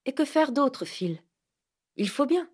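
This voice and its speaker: A woman reading an audiobook, voicing a fifteen-year-old girl who answers with bright, mocking retorts. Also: high voice, big pitch swings, takes it slowly, voice pushed up, heavily acted. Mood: teasing, wistful.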